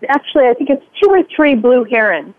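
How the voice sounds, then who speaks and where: A woman's voice: high voice, sing-song, a little fast, no room sound. A woman calling in to a radio show over a clipped phone line, talking hesitantly and repeating her words as she restarts. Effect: thin clipped phone line. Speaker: caller. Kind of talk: casual call-in chat. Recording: dry, tinny phone line.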